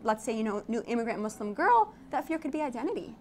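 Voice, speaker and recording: A woman's voice: fairly high pitch, big pitch swings, quick pace, slight background noise. A young woman from Iraq, an architect and tech founder, chatting animatedly as an interview guest and laughing often. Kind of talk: casual interview chat. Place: event studio.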